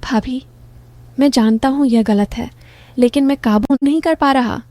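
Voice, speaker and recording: A lovestruck young man, as a woman reader puts him on in a spoken story, soft and coaxing. The voice sits fairly high and mellow. The sound is close and dry, with no room around it. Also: a little slow, no echo. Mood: tender.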